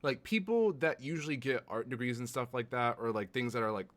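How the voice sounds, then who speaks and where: A man's voice: mid-range voice, fairly quick, fairly bright tone. An American man giving casual, informal reaction commentary as a video host, peppering his sentences with filler words. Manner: informal, heavy use of "like".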